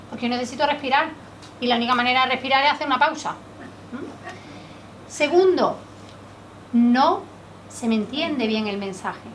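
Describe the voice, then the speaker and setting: A woman from Spain leading a public speaking workshop in a training room, lively and quizzing the group with questions. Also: fairly high pitch. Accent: Spanish from Spain. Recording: distant mic, faint background noise.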